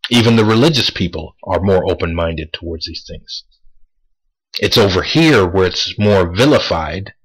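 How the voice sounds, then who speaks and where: A man with a somewhat low, husky voice talks through a casual monologue to his viewers. He takes his time, circles back to stress key words and tosses out rhetorical questions. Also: expressive, a bit bright, poor audio. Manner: deliberate, repeats words for emphasis. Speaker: vlogger.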